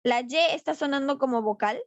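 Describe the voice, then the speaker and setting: A woman teacher giving a review lesson in an online class, explaining slowly and deliberately, stressing syllables and quizzing a student. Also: high voice, no room sound. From Peru. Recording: dull, lo-fi online class audio.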